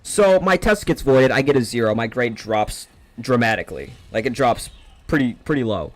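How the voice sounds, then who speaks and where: A man's voice: mid-range voice, animated, normal speed, no room sound. Profane man ranting on stream, dry sound. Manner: profane, storytelling, sarcastic, rambling. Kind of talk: casual rant over gameplay.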